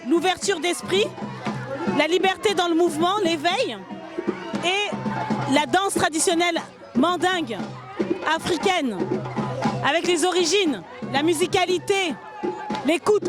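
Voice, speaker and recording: A woman choreographer giving a street interview, talking in an enthusiastic, flowing way at an outdoor festival. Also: very high-pitched. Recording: music and crowd behind.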